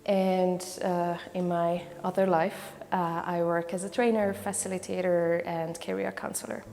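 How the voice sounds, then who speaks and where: A Hungarian woman who volunteers as a trainer and career counselor describes her project in a testimonial interview, thinking aloud with many hesitations, fillers, and restarts. Her fairly low, dark voice is level and unhurried, with a long reverb tail and a little hiss or hum.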